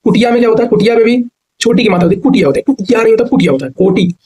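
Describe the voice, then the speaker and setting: A man's voice: high-pitched, expressive, rapid-fire, mellow, low-quality recording. A man teaching a grammar and spelling class, asking a question and answering it himself, repeating each answer and stretching words out to show the spelling. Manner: repetitive drilling question-and-answer. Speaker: Hindi teacher. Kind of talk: online exam-prep lesson.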